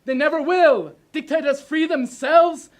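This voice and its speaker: Shouting, ranting dictator-style orator. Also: male voice, very high-pitched, unhurried, voice pushed up. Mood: fiery, rousing. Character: impassioned man giving a ranting, exploding dictator-style speech. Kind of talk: dramatic speech recitation.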